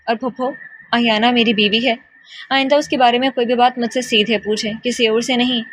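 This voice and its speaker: A woman's voice: fairly high pitch, steady tone, a bit bright. A woman reading as a stern young husband turned tender. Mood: firm.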